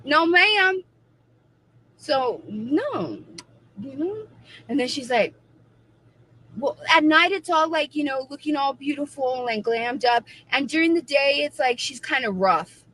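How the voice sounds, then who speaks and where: A woman's voice: high-pitched, animated, a little slow, bright, forceful tone, slight background noise, rough recording. A woman in her forties chatting casually on a livestream, emphatic and repeating her points for effect. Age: 40s. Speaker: co-host of a livestream.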